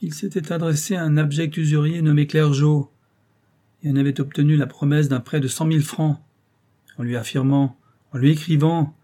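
A man voicing an anguished middle-aged contractor father in an audiobook, speaking loudly in a hoarse, clipped, emphatic way. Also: fairly high pitch, fairly even intonation, normal speed, voice pushed up, close to an everyday voice. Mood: grieving. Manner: loud, grieving, emphatic pleading. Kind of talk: audiobook character voice.

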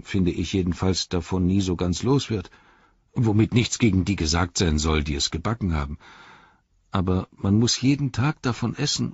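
A man's voice: lowish voice, slightly rough, no room sound, muffled recording, pitched above the performer's own voice, exaggerated voice. A man reading an audiobook and voicing an anxious, talkative male hobbit servant who chatters eagerly and fretfully. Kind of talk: audiobook character voice.

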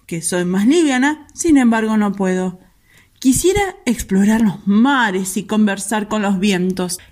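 A woman's voice: on the high side, darkish tone. A female teacher reading a poem aloud as a heartfelt dedication to fellow teachers.

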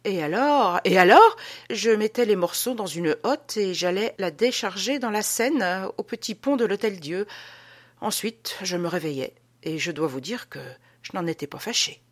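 A mild, troubled gentleman in a spoken storybook, played by a woman reader. He confides softly and gently, close to a plain reading voice. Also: medium pitch, expressive, normal speed, close to an everyday voice. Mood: confiding. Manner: soft, confiding. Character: gentle, troubled middle-aged man dreamer.

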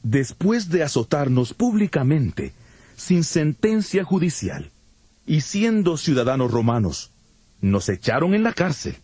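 An actor playing a bold, commanding apostle in a dramatized Bible, speaking emphatically. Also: male voice, a little high, very animated, unhurried, a little mellow, slightly rough, no echo, heavily acted. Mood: indignant. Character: Paul, bold commanding apostle of early Christianity.

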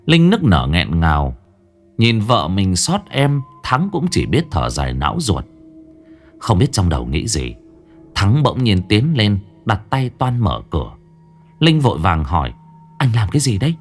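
Male horror storyteller, low voice with wide swings, faint music behind. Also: wildly swooping pitch. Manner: dramatic, slow and hushed at tense moments. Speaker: narrator. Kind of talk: scripted horror story narration.

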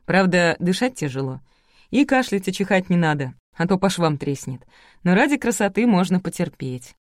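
A bashful middle-aged bride who giggles at herself, as a woman reader puts her on in a storybook reading. Low-pitched, close and dry. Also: very animated, normal speed, no room sound. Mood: giggly.

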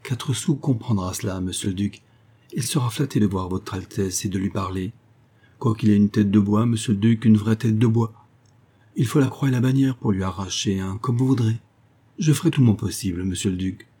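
A flattered old provincial lady, fussy and gushing, as a man puts her on in a raised, eager voice. She repeats herself breathlessly for effect. A husky, mellow tone shows through. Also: lowish voice, a little fast.

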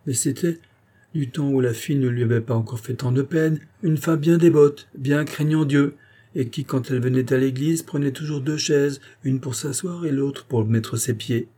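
A man's voice: mid-range voice, normal speed, mellow, pitched above the performer's own voice, lightly acted. A man voicing a miserly, pious old spinster aunt who protests in a plaintive, whining way.

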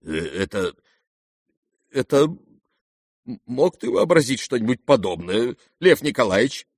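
A man's voice: medium pitch, very animated, measured pace, a bit bright, no room sound, studio quality, exaggerated voice. A man voicing a flustered middle-aged general and father in an audiobook who stammers and pleads.

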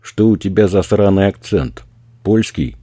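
A man voicing a rough, crude male street robber who swears and bullies, in a husky raised voice. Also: rumbling low, normal speed, dry recording, studio quality. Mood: aggressive, yelling. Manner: loud, swearing, bullying.

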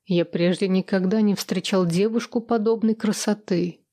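A woman reading an audiobook voices a charming, smooth-talking young married man, lowering her voice for his gallant, flattering lines. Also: normal speed, natural voice.

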